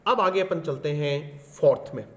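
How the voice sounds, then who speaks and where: Male teacher, somewhat high. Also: moderate pace, a bit bright. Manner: explains step by step and keeps asking the class questions. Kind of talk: exam paper solution lesson.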